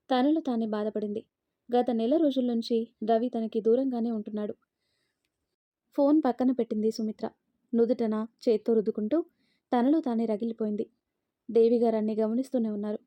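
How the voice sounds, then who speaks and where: A woman narrating a family story in a steady, even manner. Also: on the high side, normal speed, no room sound.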